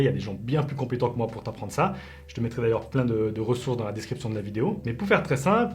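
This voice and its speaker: A man's voice: mid-range voice, darkish tone, slight background noise. A young man talking casually to his viewers, giving direct tips on learning pronunciation and demonstrating sounds. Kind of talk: casual explanatory talk to camera.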